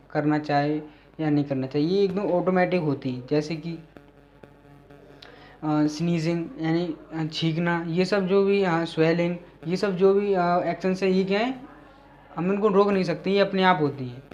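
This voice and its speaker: A man teaching a biology lesson. He reads English definitions out slowly, then explains them in Hindi with many pauses and fillers. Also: high voice, steady tone, darkish tone, highs cut off. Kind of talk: classroom lecture explaining biology.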